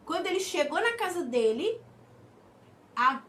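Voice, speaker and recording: High-pitched woman preaching a sermon. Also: sing-song, fairly bright tone. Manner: preaching with slow emphatic stresses and calls of amen. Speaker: pastor. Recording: mic somewhat distant, faint background noise.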